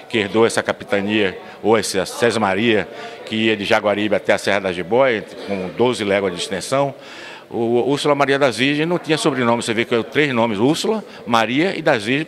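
Older man, 60s, fast and expansive storyteller, crowd noise around. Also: fairly low pitch. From São Miguel das Matas, Bahia, Brazil. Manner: earnest storyteller, expansive, restarts words. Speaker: interview guest, local historian. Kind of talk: recorded interview. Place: municipal council chamber, indoors. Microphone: handheld mic held by interviewer.

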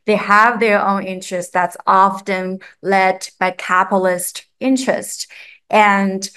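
Smooth-voiced young woman activist. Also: mid-range voice, steady tone, takes it slowly, sharp tone. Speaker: student activist on a webinar. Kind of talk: unscripted panel remarks. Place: home room, indoors. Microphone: laptop on a video call.

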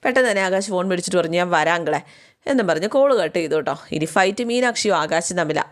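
A woman's voice: fairly low pitch, animated, racing. A woman casually retelling a TV serial's plot, chatty and acting out the characters' lines herself. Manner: chatty, with tags like "you know" and playful voices for the characters.

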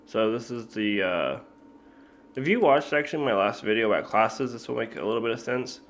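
A man's voice: mid-range voice, fairly quick. A man giving a casual screen-recorded coding tutorial, laid-back and thinking aloud with lots of fillers and self-corrections. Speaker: programming tutor.

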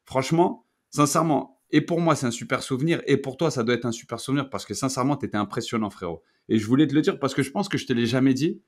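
A man's voice: mid-range voice, quick pace, few pauses. A man who hosts a podcast and once played football, speaking in casual chat with an earnest, sincere tone. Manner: earnest, sincere tribute to a friend. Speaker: podcast host, former footballer.

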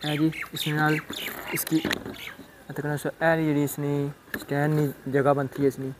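A man's voice: fairly high pitch, monotone, unhurried, noisy background. A young man casually showing how to fit a phone mount to a helmet, rambling and repeating himself, recorded outdoors on a phone. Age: young adult. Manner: rambling, repeats "thik ai" and "check karne aan". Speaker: motovlogger. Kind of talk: casual unboxing and setup demo. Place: outdoors on a rooftop, then a roadside.

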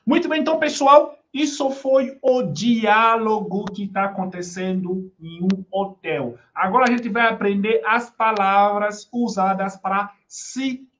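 A woman's voice: medium pitch, fairly even intonation, unhurried, few pauses. A Brazilian woman with a Brazilian Portuguese accent, teaching an online French lesson. She repeats each phrase patiently and keeps checking in with her students.

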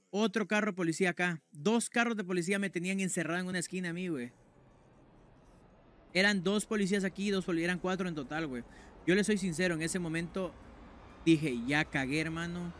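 A man's voice: high-pitched, brisk, fairly bright tone. A man from Guatemala with a Mexican accent, telling a story to his stream chat in a crude, slangy, casual way. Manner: slangy, crude, keeps tagging "güey".

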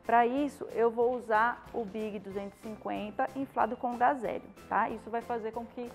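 An informal, hands-on balloon decoration lesson is led by a Brazilian woman in her thirties in an indoor studio backed by a balloon wall. She speaks on the high side, fairly evenly, at normal speed, often checking in with short questions. Clear music plays under the voice.

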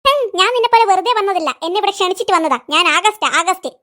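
A woman's voice: very high-pitched, very fast, fairly bright tone. Kunjami, a bossy boastful cartoon woman. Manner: scolding, self-important. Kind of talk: cartoon voice acting.

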